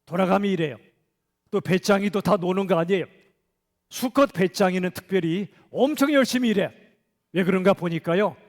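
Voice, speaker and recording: Male pastor, middle-aged, high voice, conversational sermon, church hall echo. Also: normal speed. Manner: conversational, asks the congregation questions. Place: church sanctuary.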